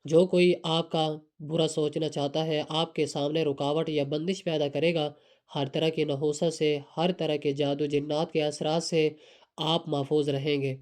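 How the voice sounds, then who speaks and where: A man's voice: on the high side, flat delivery, a little mellow. Earnest man giving devotional instructions. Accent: Pakistani Urdu. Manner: earnest, repetitive step-by-step instructing. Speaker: religious instructor.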